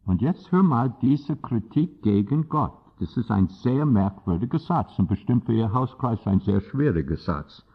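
Husky guy preaching hard, kinda broken phrasing, dull muffled recording. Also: mid-range voice, animated, normal speed, hardly any pauses. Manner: passionate, emphatic preaching; clumsy, ungrammatical phrasing. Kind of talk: sermon.

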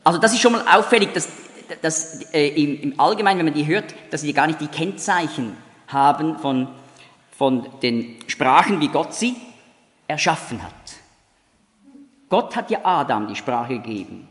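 Animated German preacher in a reverberant hall. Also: male voice, fairly high pitch. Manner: explains with demonstrations, imitates sounds. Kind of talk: sermon.

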